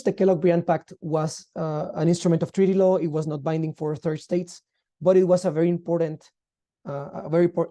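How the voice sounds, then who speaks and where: Very dark-voiced man lecturing. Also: fairly high pitch. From Guatemala. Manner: measured, formal, explanatory. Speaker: law lecturer. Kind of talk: online lecture.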